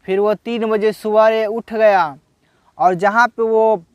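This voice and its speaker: High-voiced man telling a slow story. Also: fairly even intonation, clear, resonant tone, no room sound, lo-fi sound. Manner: unhurried, halting retelling with restarts and acted quotes. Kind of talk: casual spoken religious story.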